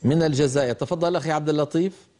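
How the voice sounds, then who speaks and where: An older man teaching Quran recitation, explaining pronunciation rules in a measured manner and demonstrating each word. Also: fairly high pitch, darkish tone. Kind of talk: slow melodic Quran recitation and tajweed instruction.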